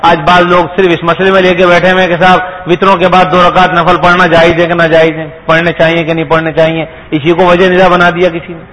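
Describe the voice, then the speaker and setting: A man's voice: sits high, level tone, hardly any pauses, a bit bright, low-quality recording. A man giving a sermon, explaining patiently and asking his listeners rhetorical questions. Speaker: Islamic preacher.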